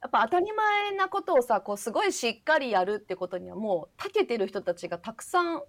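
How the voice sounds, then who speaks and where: A woman's voice: a little high, big pitch swings, fast. A woman with a Hakata accent chatting casually on a livestream, laughing often and slipping into dialect.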